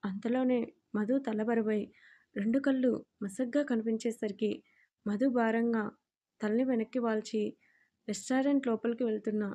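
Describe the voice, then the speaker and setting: A woman telling a story in a gentle, conversational way, reading out the dialogue of its people. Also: a little high, fairly even intonation, moderate pace, long pauses. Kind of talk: narrating a story and voicing its dialogue.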